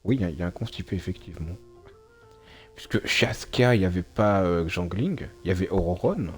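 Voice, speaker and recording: A man's voice: low voice, animated, fairly quick, slightly rough, faint music behind. A man streaming a video game, muttering to himself in a hesitant, casual way and chatting with his viewers. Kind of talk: casual gameplay live-stream commentary.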